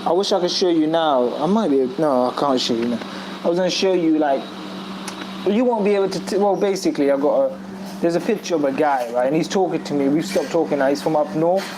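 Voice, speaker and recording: A man with a voice on the high side talks fairly quickly as a guest in a casual group discussion. He rambles through a personal story with lots of fillers and restarts, and background noise is audible.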